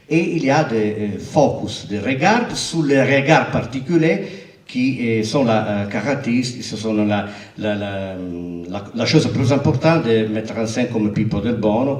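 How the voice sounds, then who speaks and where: A man from Italy with a foreign, Italian accent in French, speaking haltingly and searching for words as he introduces a film programme as guest curator. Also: on the low side, darkish tone. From Italy, Naples area. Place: cinema auditorium before an audience. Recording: echoey hall, distant microphone.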